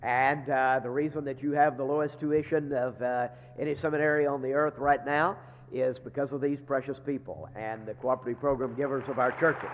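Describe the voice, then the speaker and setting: Congested from a sinus infection, this middle-aged man sounds like he's talking inside a barrel as he gives chapel announcements for his seminary. His mid-range voice is brisk and fairly even, the delivery folksy and joking with frequent "uh" fillers. A large chapel's long reverb surrounds him, along with slight hiss or hum.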